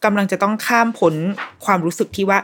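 A woman hosting a podcast, chatting casually as she reviews a TV series, retelling scenes in an animated, restarting way. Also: medium pitch, fast talker, a little hiss or hum.

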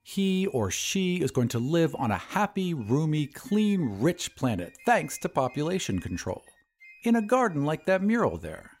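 A man's voice: on the high side, sing-song, unhurried, faint music behind, voice pushed up. A man voicing a genial, pompous, very old doctor who lectures emphatically in an audiobook story. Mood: sympathetic, persuasive. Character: genial, pompous, very old male doctor championing population control.

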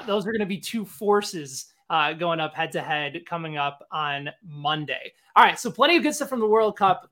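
A man's voice: sits high, pushed and bright. A man hosting a sports talk show, asking long conversational questions with plenty of fillers. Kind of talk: interview questions.

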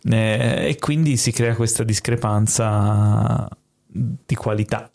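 A man's voice: fairly low pitch, little pitch movement, slow, vocal fry, darkish tone. A man in casual podcast chat, explaining things at length with a joking tone. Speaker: podcast co-host.

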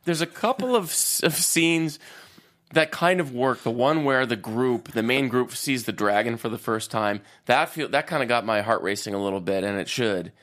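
Animated giggly man reviewing movies. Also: medium pitch. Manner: animated, giggly storytelling with quick asides. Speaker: podcast co-host. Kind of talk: casual movie review chat.

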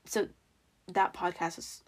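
A young American woman hosting a true crime podcast alone in a casual, self-deprecating way, with some trouble pronouncing her R sounds. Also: slow pace. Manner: informal, self-deprecating asides. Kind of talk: casual solo podcast storytelling from notes.

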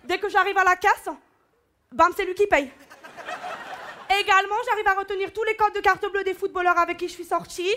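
A woman's voice: very high voice, steady tone, brisk, long pauses, bright, forceful tone, slight background noise. A woman doing stand-up comedy on a large stage, brash and teasing the audience. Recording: live show with music and crowd. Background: music and audience laughter.

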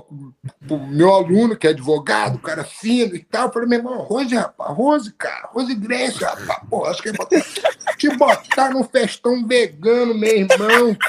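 Brief: man, high voice, slangy swearing raconteur, light background hiss. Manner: slangy, swearing, laughing storyteller. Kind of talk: casual chat.

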